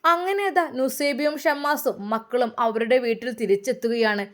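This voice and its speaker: A woman's voice: sits high, moderate pace, fairly bright tone. A woman with a Malappuram Malayalam accent narrating a serialized family story, closing with religious greetings.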